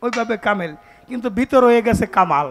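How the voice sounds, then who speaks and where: High-voiced folk debate singer, man. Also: expressive, quick pace. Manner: sings verses then explains in rustic spoken rhythm. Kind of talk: pala gaan folk debate singing and speech. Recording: live stage with loud folk music. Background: folk instruments.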